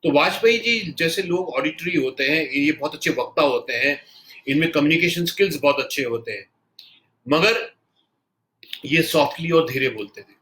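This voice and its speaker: A man gives a spoken tutorial at a quick, loud, animated clip, mixing English words into his talk. His voice sits a little high, bright and forceful. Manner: fast, loud and animated, says so himself; mixes English words into Hindi. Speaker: NLP trainer.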